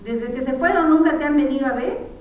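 A woman's voice: high-pitched, fairly quick, darkish tone, lightly acted. A woman voicing a concerned neighbor woman who questions and gives frank advice, in an echoey room far from the mic. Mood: concerned, advising.

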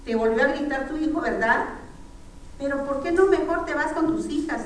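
A woman's voice: sits high, normal speed, a little hiss or hum, natural voice. A woman voicing a concerned neighbor woman who questions and gives frank advice, in an echoey room far from the mic. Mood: concerned, advising.

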